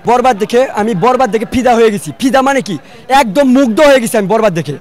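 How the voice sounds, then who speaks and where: A man with a Bangladeshi Bengali accent, a moviegoer interviewed outdoors outside a cinema, talking emphatically and repeating himself as an excited fan. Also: extremely high pitch, fairly quick. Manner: repetitive, emphatic, fan enthusiasm. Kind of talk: excited street vox pop. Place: outdoors outside a cinema hall, crowd around. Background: crowd chatter.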